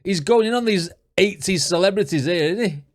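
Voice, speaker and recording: A man's voice: high-pitched, lively intonation, fairly quick. A man hosting a reaction video, laughing and swearing bluntly as he comments.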